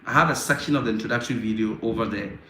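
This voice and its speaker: A man from Africa hosting a casual live Q&A, answering viewer questions in a halting way with frequent fillers and repetitions. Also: mid-range voice. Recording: roomy echo, faint background noise.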